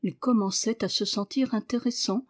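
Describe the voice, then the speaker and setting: A woman reading a novel aloud in a measured, even storytelling manner. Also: medium pitch. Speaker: audiobook reader. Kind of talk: scripted narration.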